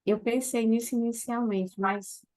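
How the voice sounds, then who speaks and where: A woman preparing an online conference session, asking a colleague practical questions in a soft, casual tone over a video call. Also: on the high side, fairly even intonation, unhurried, no echo, low-quality recording. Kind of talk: casual online meeting chat.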